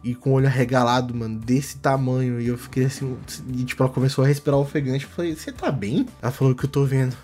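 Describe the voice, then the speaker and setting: A man's voice: medium pitch, level tone, fast, few pauses, dark tone, faint music behind. A young man from Brazil, telling a long personal story in a rambling, casual way on a podcast. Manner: rambling, fillers like "mano" and "tá ligado". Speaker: podcast co-host.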